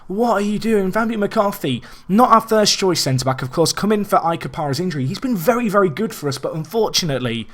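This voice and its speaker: Speaking fast with hardly any pauses, this young let's play host has a high-sitting, slightly raspy and hoarse voice. He casually commentates his own football management game, rambling, restarting, and getting worked up whenever a big chance comes.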